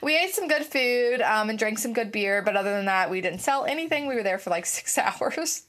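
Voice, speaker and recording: A woman's voice: on the high side, lively intonation, a little fast, fairly bright tone. A woman in her thirties co-hosting a podcast, telling a casual story with lots of fillers and laughs. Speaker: podcast co-host. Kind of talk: casual chat.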